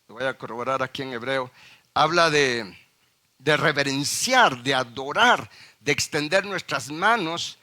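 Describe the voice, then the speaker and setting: A man's voice: a little high, bright, forceful tone. A male pastor from Guatemala preaching a sermon, asking the congregation questions and reading scripture with emphasis, with frequent hesitations. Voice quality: frequent hesitations and repeated words.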